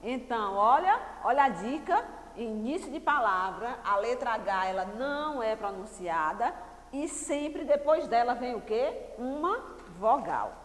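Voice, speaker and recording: A woman's voice: on the high side, animated, measured pace. A woman with a Brazilian Portuguese accent, a primary school teacher giving a recorded lesson for children, patiently repeating key words and quizzing her pupils. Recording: echoey room with long reverb.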